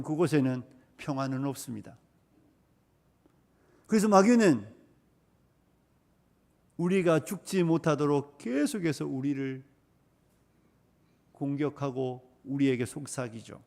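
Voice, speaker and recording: A male pastor preaching a sermon, asking rhetorical questions and driving points home with repetition. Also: sits high.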